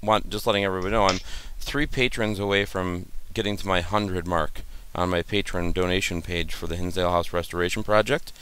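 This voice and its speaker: A man's voice: deep voice, steady tone, brisk, hardly any pauses, fairly bright tone, a little hiss or hum. A man hosting a live paranormal stream, chatting casually and poking fun at himself. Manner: chatty, self-deprecating. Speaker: host.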